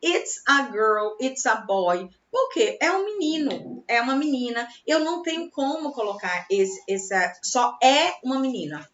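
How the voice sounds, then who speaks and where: Brief: higher-voiced woman, chatty English teacher, roomy dull lo-fi sound. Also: expressive, unhurried, hardly any pauses, fairly bright tone. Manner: chatty, switches between Portuguese and English, laughs at herself. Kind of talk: bilingual grammar lesson.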